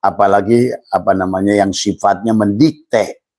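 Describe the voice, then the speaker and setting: Halting, low-voiced male religious teacher. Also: fairly even intonation, a little mellow, dry recording. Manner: slow, halting delivery with many fillers and repeated words; addresses listeners as friends, refers to himself in third person. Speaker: Islamic mysticism teacher. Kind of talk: informal religious lecture.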